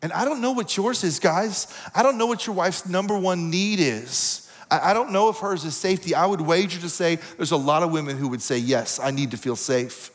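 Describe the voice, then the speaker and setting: A man's voice: high-pitched, a little fast, few pauses. A man preaching a sermon, telling a personal story in a conversational, confessional way with asides to the congregation. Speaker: pastor. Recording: long hall reverb.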